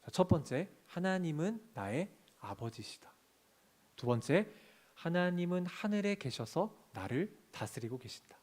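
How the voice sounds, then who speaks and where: A man's voice: a little high, big pitch swings, unhurried, darkish tone. A man preaching a sermon as a pastor in a church sanctuary, asking the congregation questions and answering them himself, and reading scripture aloud.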